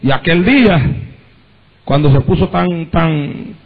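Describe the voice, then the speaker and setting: A man preaching a sermon as a pastor, fervent and full of praise interjections, rising at times to impassioned shouting. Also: fairly high pitch, lively intonation, slow, phone-quality sound.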